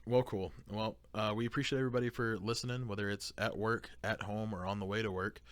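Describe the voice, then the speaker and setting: A man co-hosting a podcast in casual chat, reading out dad jokes and laughing loudly at his own puns. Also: lowish voice, steady tone, quick pace, clean tone, no room sound. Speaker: podcast co-host.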